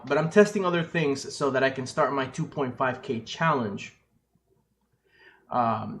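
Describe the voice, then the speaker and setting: A man recapping a day trade in a casual, rambling way, full of fillers and restarts, heard through a low-quality webcam microphone. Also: slight background noise. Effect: low-quality webcam microphone sound. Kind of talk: casual screen-share trading recap.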